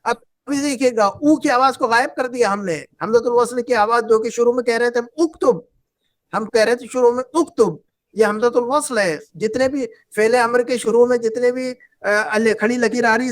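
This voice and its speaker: A woman's voice: fairly high pitch, fairly even intonation, moderate pace. A woman teaching an Arabic grammar class, repeating points and quizzing her students. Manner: repetitive, drills students with questions. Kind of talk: classroom lesson.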